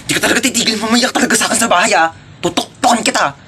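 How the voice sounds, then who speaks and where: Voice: mid-range voice, very fast, pushed and bright, slight background noise, lightly acted. A performer doing a stern nagging priest. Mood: scolding. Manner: threatening, nagging. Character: scolding parish priest, stern adult man.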